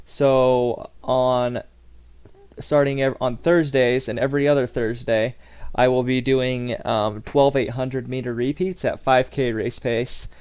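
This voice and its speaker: A man with a mid-pitched voice talks through a training log as a vlogger. His delivery is matter-of-fact and a little halting, moving steadily through figures and stats. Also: fairly even intonation, a little mellow, clean tone. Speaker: running vlogger. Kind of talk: training recap vlog, reading out workout stats.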